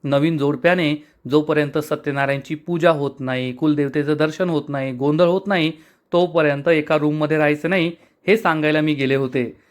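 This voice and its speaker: A man reading the lines of a calm, firm young woman who leads her village, explaining steadily. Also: on the high side, a little fast, lightly acted.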